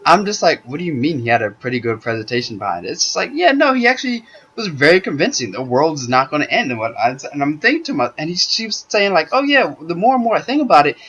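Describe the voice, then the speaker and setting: A man's voice: a little high, quick pace, slight background noise. A man telling a story on a podcast in a casual, profane way, acting out the dialogue of the people in it. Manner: animated, profane, acts out quoted dialogue. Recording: dull lo-fi recording.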